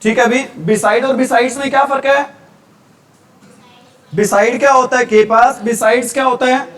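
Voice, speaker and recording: A man from India leads a grammar revision lecture in a strikingly high voice. He keeps asking questions and answering them himself. The mic sits some distance away. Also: fairly even intonation, unhurried, a bit bright. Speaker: teacher.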